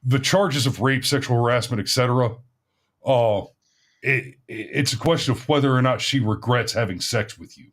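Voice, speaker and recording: A man's voice: medium pitch, moderate pace. A man hosting a casual talk show, giving opinions emphatically and repeating phrases for effect.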